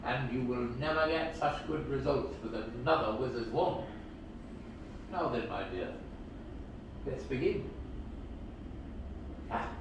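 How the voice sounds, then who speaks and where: A man performing as a wand shop keeper at a theme park, with grand, theatrical patter and loud exclamations. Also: mid-range voice, lively intonation, slow pace, vocal fry, long pauses, background noise. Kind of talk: theatrical live show patter. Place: indoor wand shop attraction. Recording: distant, very echoey shop filmed on a phone.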